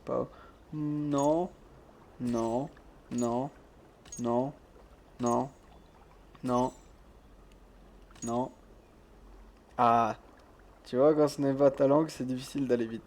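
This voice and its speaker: A man's voice: medium pitch, fairly even intonation, drawn-out words, pauses often, darkish tone, slight background noise. A male streamer who keeps his voice down, chatting casually as he plays a game and reads the chat, laughing often. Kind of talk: casual let's-play chat. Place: home room with thin walls.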